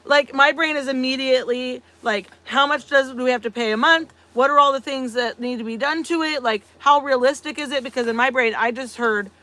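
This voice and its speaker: Bright, chatty woman telling stories. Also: high voice, brisk, few pauses, slight background noise. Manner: chatty storyteller, laughs often, many fillers. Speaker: live-stream co-host. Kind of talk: casual chat.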